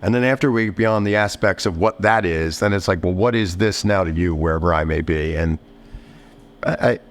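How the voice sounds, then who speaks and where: A man's voice: low voice, normal speed. A man, a shop owner and podcast guest, chatting casually and animatedly, acting out the people he talks about. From New Jersey. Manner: animated storyteller, acts out customers in raised voices.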